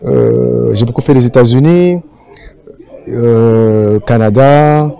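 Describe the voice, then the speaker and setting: A man's voice: mid-range voice, takes it slowly, creaky, clean tone. A man from Congo, a singer being interviewed, talking casually with many hesitations. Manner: relaxed, hesitant with many fillers. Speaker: guest singer.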